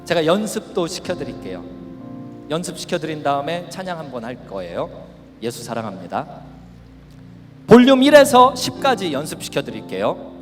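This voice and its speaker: A middle-aged male pastor preaching at a youth camp, animated and shouting at the peaks. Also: on the high side, normal speed, long pauses. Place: large worship hall. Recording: reverberant hall with faint music.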